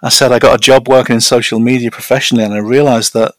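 A man from the north of England with a Northern English accent and flat vowels, chatting casually as a podcast guest in an anecdotal, self-deprecating way. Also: mid-range voice, rapid-fire, no echo. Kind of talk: casual interview chat.

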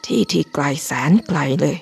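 A woman doing a gentle, doting old lady on the phone. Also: normal speed, lightly acted. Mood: fond. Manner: gentle, doting, softly teasing. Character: kindly, chatty elderly woman caller.

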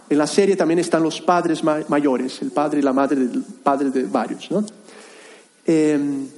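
Man pastor, sermon, fairly high voice, warm and mellow, earnest halting delivery. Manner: earnest, halting delivery with frequent pauses and restarts. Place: church hall.

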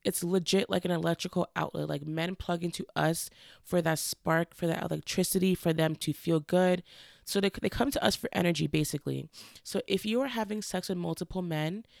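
A woman hosting a casual solo podcast, talking frankly and earnestly while stuffy from a cold, speaking slowly on purpose. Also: fairly low pitch, steady tone, vocal fry, darkish tone, dry recording, studio quality. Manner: frank, earnest, slowed deliberate delivery. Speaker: podcast host.

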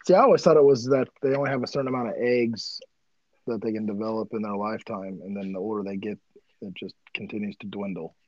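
A man's voice: lowish voice, fast talker, a little mellow, dry recording, lo-fi sound. Laid-back mid-thirties "dude" guy. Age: 30s. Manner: laid-back, says "dude" a lot, gets worked up when teased. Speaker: podcast co-host. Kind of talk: casual chat.

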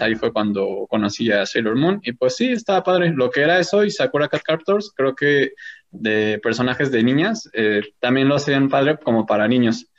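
A man co-hosting a casual podcast, rambling and slangy with hesitant fillers. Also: medium pitch. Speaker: podcast co-host. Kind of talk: casual chat. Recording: dull lo-fi sound.

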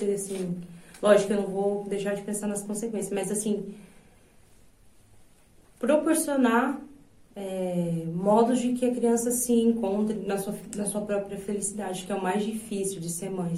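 A woman's voice: medium pitch, warm tone. A Brazilian woman in her thirties, a singer and voice teacher, talking earnestly and reflectively in an interview, with lots of filler tags. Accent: Brazilian Portuguese. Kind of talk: casual interview chat. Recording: roomy sound from a distant mic.

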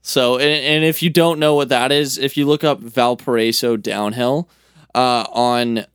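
A man's voice: mid-range voice, steady tone, measured pace, smooth, no echo, clean studio sound. A young man co-hosting a podcast in casual chat, enthusiastic and full of fillers. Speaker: podcast co-host.

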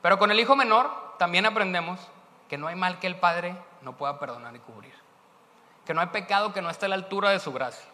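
Bright-voiced Mexican pastor preaching. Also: male voice, high-pitched, fast talker. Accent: Mexican Spanish. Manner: casual, conversational, frequent tag questions. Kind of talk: sermon storytelling. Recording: echoey church hall.

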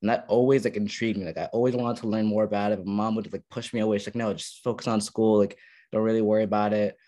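Talking fast in a fairly low, mellow voice with little pitch movement, a young Ethiopian man chats casually as a podcast guest. He shares his story from his college dorm, leaning on lots of fillers.

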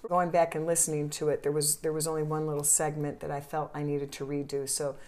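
A woman from southern Italy talks as a podcast guest in a low, settled voice. She explains at a measured pace, often pausing with small fillers. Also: flat delivery, a little mellow. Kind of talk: casual interview chat.

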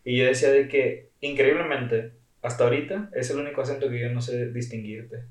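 A man's voice: medium pitch, fairly even intonation, a little fast. A man talking as a podcast guest in chatty casual conversation, often filling with repeated phrases. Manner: chatty, talkative, repeats "o sea". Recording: roomy echo.

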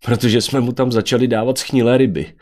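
A man's voice: medium pitch, fairly even intonation, darkish tone, pitched above the performer's own voice, lightly acted. Man doing a sardonic young mage.

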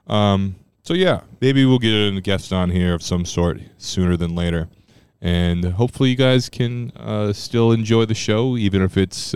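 Alone in a room at home, a podcast host chats casually in a deep, strong, loud voice that is clear and resonant, occasionally monotone. He rambles, swears freely, and leans on lots of fillers.

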